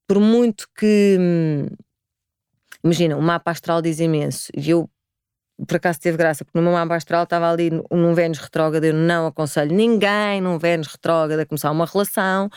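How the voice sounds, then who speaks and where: A woman in her forties from Portugal with a European Portuguese accent, talking as a podcast guest in a lively, expressive way. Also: fairly low pitch, clear, resonant tone, no room sound, studio quality. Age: 40s. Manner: expressive, animated storytelling with frequent laughs. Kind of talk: casual chat.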